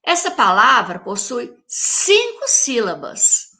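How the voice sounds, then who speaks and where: A woman teacher with a Brazilian Portuguese accent, speaking to children at an unhurried pace. Her voice is bright and fairly high, and her pitch moves up and down a lot. She draws out example words slowly and talks to her pupils directly. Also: huge pitch swings. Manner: slow, drawn-out syllables when saying example words; addresses young pupils directly, friendly teacher tone. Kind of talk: recorded classroom lesson for children.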